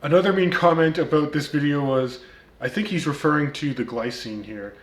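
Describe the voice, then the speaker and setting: The watch reviewer behind this channel, a man whose voice is on the high side with a slight Turkish accent, moves at a moderate pace. He answers critics in a casual vlog with wry comebacks and frequent fillers like um and uh, recorded in a reverberant space.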